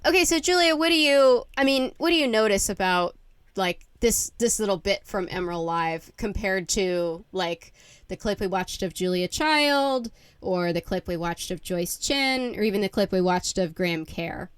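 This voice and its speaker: A woman's voice: mid-range voice, lively intonation, moderate pace, clear, resonant tone, no room sound. A woman co-hosting a podcast in casual chat, talking in a chatty, laughing way full of filler words. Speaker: podcast co-host.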